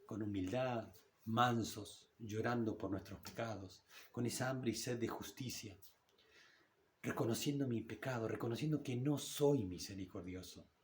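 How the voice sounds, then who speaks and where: A man with an Argentine Spanish accent preaching a sermon in church, in a conversational way that slows down to read scripture aloud. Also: medium pitch, a little hiss or hum. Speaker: pastor.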